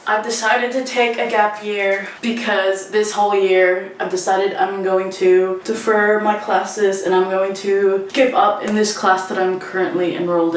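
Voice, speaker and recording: A woman's voice: mid-range voice, a little hiss or hum. A woman in her twenties talking in a candid, rambling, casual confessional way, recorded in an echoing bathroom. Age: 20s. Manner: rambling, candid, freely swearing. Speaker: vlogger. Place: small indoor bathroom. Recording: very echoey bathroom, distant mic.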